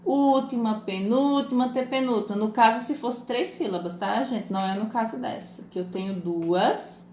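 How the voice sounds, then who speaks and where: Brazilian woman teacher, slow and patient, slightly high voice, echoey room with faint noise. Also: darkish tone. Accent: Brazilian Portuguese. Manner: slow, patient, spells out letters and syllables. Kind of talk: online lesson for children.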